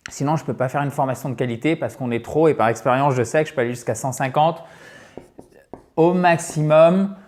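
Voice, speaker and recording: A man's voice: mid-range voice, brisk, darkish tone. A middle-aged man, an online English teacher, chatting straight to his viewers about a free course, addressing them as friends and checking in with them again and again. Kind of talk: direct-to-viewer course promotion.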